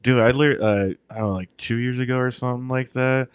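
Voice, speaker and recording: A man's voice: mid-range voice, flat delivery, quick pace, smooth, no room sound, lo-fi sound. A man co-hosting a podcast, chatting casually in a rambling way, full of fillers and swearing. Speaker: podcast co-host. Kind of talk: casual chat.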